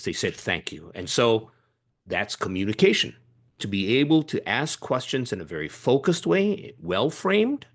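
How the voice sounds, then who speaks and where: A man from Malaysia, giving an emphatic, animated panel talk over a video call, with frequent restarts. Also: medium pitch. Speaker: panel speaker.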